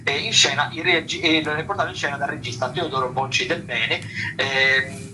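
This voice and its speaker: This radio show host is a man with a high-side voice, steady in tone and moderately paced. He covers theatre listings in a semi-improvised, loose manner, hesitating often as he searches for words. Music plays beneath the broadcast, and background noise is present.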